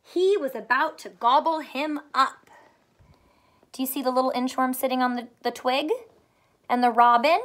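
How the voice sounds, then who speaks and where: Indoors in a small furnished room at home, a woman in her thirties reads a picture book aloud like a teacher, explaining simply and asking young listeners questions. Her voice is high-pitched and fairly bright, at a moderate pace with long pauses.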